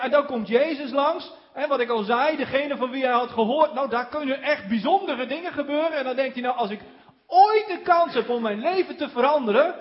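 A man preaching a sermon, slowing down on key words for emphasis and chuckling now and then. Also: very high voice. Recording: dull lo-fi recording.

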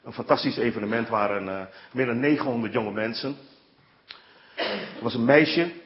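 A man preaching a sermon with lively storytelling, often checking in with his listeners. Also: mid-range voice, moderate pace, highs cut off. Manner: animated storytelling with frequent "ja" and "hè".

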